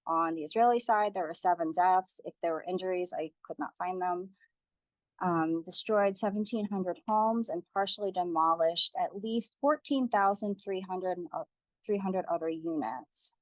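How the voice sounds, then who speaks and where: A woman's voice: lowish voice, a little mellow, no room sound. A young woman giving a community teach-in presentation, speaking earnestly and steadily as she reads figures and a testimony aloud.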